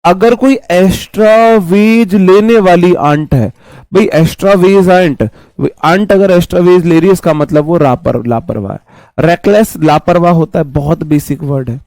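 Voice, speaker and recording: A man's voice: sits high, moderate pace, a little mellow, no echo. A male coaching teacher with a sore, worn-down throat, explaining English vocabulary in a chatty class that keeps circling back on itself. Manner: chatty, repeats himself, calls students "bhai". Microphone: mic placed close.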